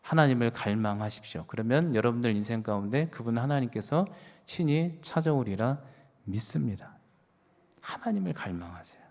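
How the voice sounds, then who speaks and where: A middle-aged man preaching a sermon as pastor, telling stories with swings from hushed words to loud exclamations. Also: mid-range voice, lively intonation, moderate pace. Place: church sanctuary. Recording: reverberant church hall.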